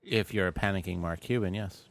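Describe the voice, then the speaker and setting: A man's voice: low voice, steady tone, fairly quick, a bit bright, dry recording. A man co-hosting a podcast, chatting casually about basketball and playing the dry straight man. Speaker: podcast co-host. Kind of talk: casual sports chat.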